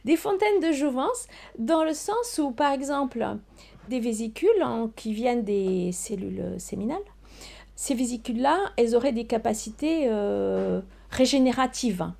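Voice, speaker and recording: A woman's voice: fairly high pitch, animated, normal speed, creaky, dark tone. An older woman, a scientist answering interview questions, hesitant with many fillers and restarts. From Portugal. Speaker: research scientist guest.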